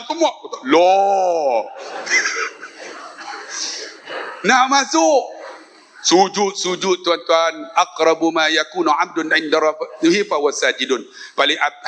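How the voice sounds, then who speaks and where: A man's voice: on the high side, sharp tone. A man with a Malaysian Malay accent telling a humorous story at a mosque forum, acting out the dialogue and laughing often. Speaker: religious speaker. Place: mosque forum before an audience.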